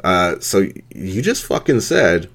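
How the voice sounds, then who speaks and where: A man's voice: sits low, very animated, slow, gravelly, fairly bright tone, breathy edge. A man in his thirties hosting a podcast, bluntly mocking someone with heavy swearing and laughter. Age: 30s. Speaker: podcast host. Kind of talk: profane ranting commentary.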